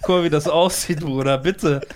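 A man's voice: on the high side, moderate pace, heavy background noise. A man guesting on a podcast, trading jokes in casual chat and calling everyone brother. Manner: joking banter, says "Bruder" constantly.

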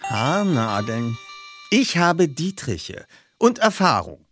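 A man's voice: fairly high pitch, big pitch swings, normal speed, pitched above the performer's own voice. A man voicing a nervous teenage boy detective who stammers when flustered and tries to sound cool. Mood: bragging. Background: background music.

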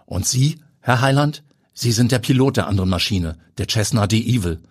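A man's voice: fairly low pitch, animated, fairly quick, slightly rough, voice pushed up. A man voicing a weary chief police inspector who questions in a dry, official, sardonic way. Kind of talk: audiobook character voice.

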